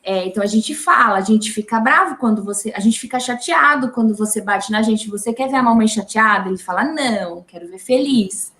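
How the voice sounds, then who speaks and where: A Brazilian woman speaks as a mother in a relaxed interview. Her voice sits a bit high. She pauses often and restarts her sentences. The recording picks up a noticeable room echo. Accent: Brazilian Portuguese. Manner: halting, with many restarts and fillers. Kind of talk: casual video call interview. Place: home.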